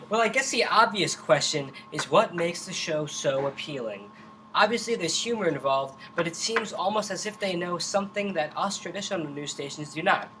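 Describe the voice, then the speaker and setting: A man's voice: fairly high pitch, lively intonation, moderate pace. A man co-anchoring a parody news programme with formal, scripted phrasing. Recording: faint background noise.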